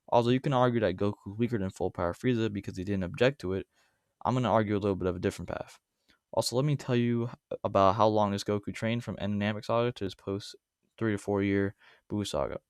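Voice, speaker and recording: Rambling, argumentative low-voiced man. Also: darkish tone, smooth, no room sound, clean studio sound. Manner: rambling, self-correcting, argumentative. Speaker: YouTube debate commentator. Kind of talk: casual commentary monologue.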